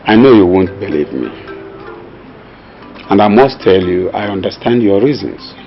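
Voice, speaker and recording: A man's voice: lowish voice, lively intonation, moderate pace. A man playing a repentant older man who apologizes earnestly, speaking in proverbs. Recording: dull lo-fi film audio with music.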